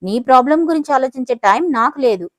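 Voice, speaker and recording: Brief: woman reading icy rich young man, calm and dismissive, slightly high, dry. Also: fast talker, no room sound. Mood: cold, controlled. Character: cold, menacing rich young businessman.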